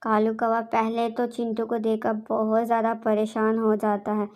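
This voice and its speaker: A woman narrating a children's cartoon story in a high, light voice. Her storytelling is plain and steady. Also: normal speed.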